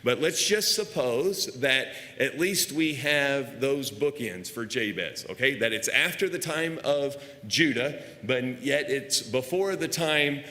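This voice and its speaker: An American man preaches a sermon in a church, his voice at an ordinary middle pitch and carried by a long hall reverb. He teaches in a conversational way, stopping often to put questions to the congregation. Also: expressive, takes it slowly, few pauses, sharp tone. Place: church auditorium.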